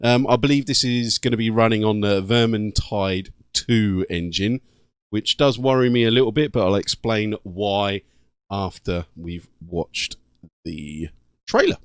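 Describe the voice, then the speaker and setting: A man's voice: on the low side, a little slow, clean tone, dry recording, clean studio sound. A British man hosting a gaming channel, giving casual, slangy reaction commentary in an informal way. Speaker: YouTube gaming channel host.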